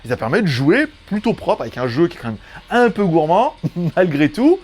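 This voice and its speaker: A man's voice: fairly high pitch, big pitch swings, moderate pace. A man casually reviewing a smartphone, chatty and joking, with plenty of fillers and asides. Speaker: tech reviewer.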